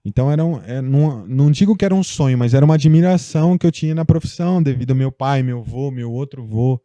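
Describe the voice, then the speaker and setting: A man's voice: mid-range voice, quick pace, dark tone, dry recording, dull audio. A young Brazilian man, a guest in a casual interview, telling a personal story in a loose, chatty way full of fillers. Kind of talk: casual conversation.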